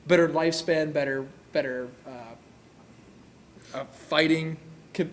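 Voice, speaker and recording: A man's voice: on the high side, fairly even intonation, measured pace. A young man co-hosting a casual gaming chat, explaining eagerly and often restarting his sentences, recorded by a far camera in a large hall. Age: young adult. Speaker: co-host. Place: large indoor auditorium.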